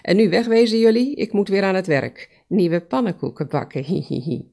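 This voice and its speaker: A woman's voice: mid-range voice, lively intonation, moderate pace, creaky, dark tone, voice pushed up. A woman voicing a suspicious, curt old witch who cackles and mutters over her recipe. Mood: snappish.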